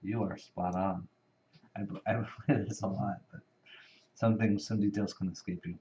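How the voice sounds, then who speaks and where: A man's voice: deep voice, fairly even intonation, normal speed, mellow. A man who knows the game well, patiently explaining the rules in casual board game chat, with many fillers. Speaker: experienced player explaining rules. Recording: dull lo-fi recording.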